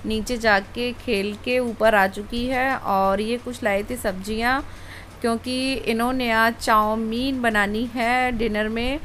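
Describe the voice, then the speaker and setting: A woman's voice: on the high side, fairly even intonation, takes it slowly, a bit bright, a little hiss or hum. A woman vlogger chatting casually over home video of her kitchen, homely storytelling with many fillers.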